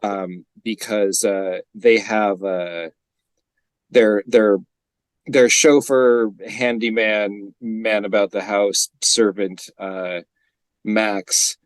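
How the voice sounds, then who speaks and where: A man's voice: lowish voice, steady tone, drawn-out words, dry recording. A man co-hosting a podcast, rambling in casual chat with frequent laughs. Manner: rambling, laughs often, drops into gravelly impressions. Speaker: podcast co-host.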